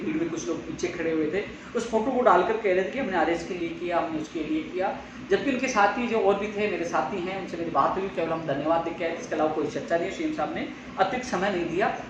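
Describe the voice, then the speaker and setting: A man addresses followers on a live update stream in a high voice. He sounds insistent, and he is heard from some distance in a strongly reverberant room with faint noise. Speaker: host of a live update stream for job seekers. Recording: echoey room, far from mic, faint noise.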